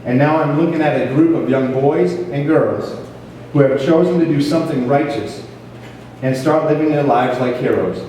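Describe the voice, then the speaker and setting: A man's voice: fairly high pitch, normal speed, warm tone. Man giving a speech in an echoey hall. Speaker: police officer speaking as program leader. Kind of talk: prepared formal speech at a school ceremony. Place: large echoing hall at a school ceremony. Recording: echoey hall from far off, faint noise.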